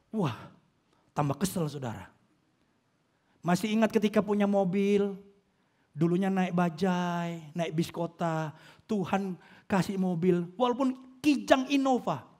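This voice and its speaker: A man's voice: high-pitched, measured pace, long pauses. A male pastor preaching a sermon in a joking, conversational way, acting out the voices of the people he talks about. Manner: animated, acts out quoted voices of churchgoers.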